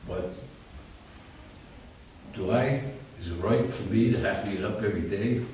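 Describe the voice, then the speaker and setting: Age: 70s. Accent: New England. Sex: man. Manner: rambling folksy resident, low voice. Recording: very echoey room, distant mic, faint noise. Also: normal speed, darkish tone. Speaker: resident giving public comment. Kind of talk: public comment at a hearing. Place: township meeting room.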